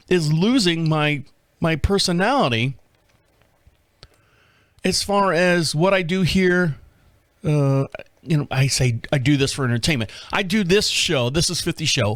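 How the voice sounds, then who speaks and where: A man's voice: fairly high pitch, a bit bright, dry recording, clean studio sound. A man in his fifties hosting his own podcast, rambling through a casual solo monologue, self-mocking and laughing often. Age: 50s. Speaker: podcast host.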